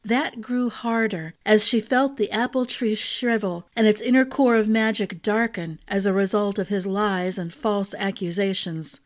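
A woman reading a fantasy novel aloud as a podcast storyteller, with a gentle, measured delivery. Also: medium pitch, fairly even intonation. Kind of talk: audiobook-style fantasy narration.

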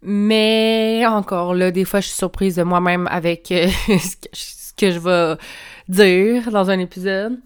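A woman's voice: mid-range voice, steady tone, measured pace, clean tone. A young Québécois woman talks into a clip-on mic at home, hosting her solo podcast. She sounds chatty and candid, swears freely, and laughs between thoughts. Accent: Québécois French. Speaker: podcast host. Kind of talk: casual solo podcast monologue. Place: room at home.

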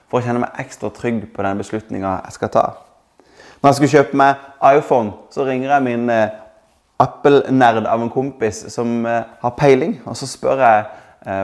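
A man in his thirties preaching a sermon as a pastor, calm and reflective, slowing down to stress key words. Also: medium pitch.

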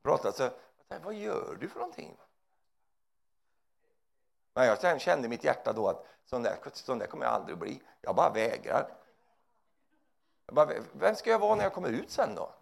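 A male preacher giving a lively, joking sermon, often ending his lines with a quick tag question. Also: mid-range voice, creaky. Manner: animated, joking, tags lines with "va?".

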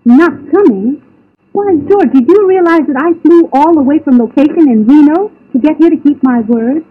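A woman acting as guest announcer in 1930s radio banter, bright, emphatic and theatrical, heard as an old AM radio broadcast. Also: high-pitched, animated, moderate pace, phone-quality sound. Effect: old AM radio broadcast sound.

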